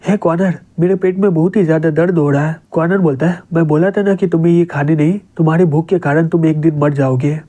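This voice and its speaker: Mellow-voiced man narrating a comic recap. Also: a little high. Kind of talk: storytelling narration, reading all character lines.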